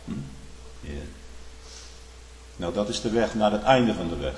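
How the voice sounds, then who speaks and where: Low-voiced man preaching in an echoey church. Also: expressive, unhurried, slight background noise. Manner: emphatic, swings between loud and hushed, tags "hm?" and "hè?". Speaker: pastor. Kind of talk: sermon.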